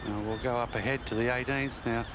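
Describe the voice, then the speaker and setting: A man's voice: mid-range voice, fairly even intonation, brisk. A man giving live golf commentary, reacting aloud to each shot and urging the ball along. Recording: noisy outdoor broadcast with loud crowd behind. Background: loud golf crowd and outdoor ambience.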